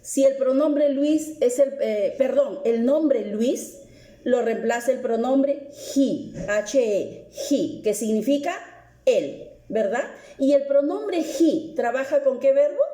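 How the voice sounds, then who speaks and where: A woman teaching an English lesson on video, speaking slowly and patiently and repeating each example, with a Peruvian Spanish accent. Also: sits high, lively intonation, dark tone, echoey room.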